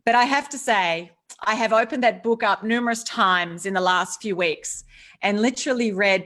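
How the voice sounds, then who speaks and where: In a casual interview over video call, a middle-aged author with an Australian accent speaks in a mid-range, slightly bright voice. Her tone is earnest and reflective, and she regularly begins her sentences again.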